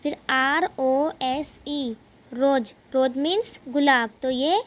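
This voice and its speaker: Slow, high-voiced woman teaching children. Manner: slow, spells words letter by letter. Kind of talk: children's English lesson.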